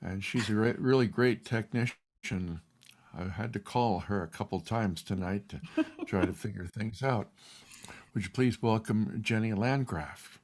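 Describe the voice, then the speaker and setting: A man hosting an online music session, introducing the next act in a halting way with fillers. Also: lowish voice, darkish tone. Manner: halting, with fillers and throat clearing. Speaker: host. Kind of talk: casual introductions on a video call. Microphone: video call.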